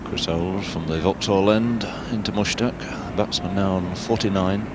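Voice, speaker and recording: A man giving measured, factual live cricket commentary in clipped phrases. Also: deep voice. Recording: 1970s broadcast, loud crowd noise. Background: noisy outdoor cricket crowd.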